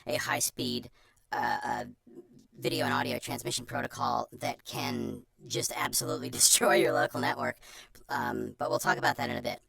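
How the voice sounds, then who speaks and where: A streamer with an artificially pitch-shifted chipmunk voice gives an informal, self-deprecating how-to presentation in a chatty manner. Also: steady tone, normal speed, vocal fry, a bit bright, dry recording. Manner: chatty, self-deprecating, breaks off into muttered asides. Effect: pitch shifter giving a chipmunk voice.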